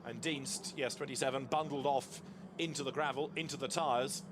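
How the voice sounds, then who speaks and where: Casting: male motorsport commentator, mid-pitched voice, vivid running race narrative, heavy engine noise behind him. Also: steady tone, normal speed. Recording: loud engine and outdoor track noise. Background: racing cars and trackside ambience.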